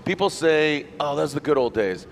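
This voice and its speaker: A man calling a live motorsport event as play-by-play commentator, upbeat and quick with banter and catchphrases. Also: on the high side, expressive, a little hiss or hum.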